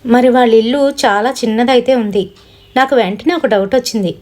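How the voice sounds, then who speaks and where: Female storyteller, fairly high voice, conversational first-person horror narration. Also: a little fast, a little mellow. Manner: conversational, recounting events with quoted dialogue.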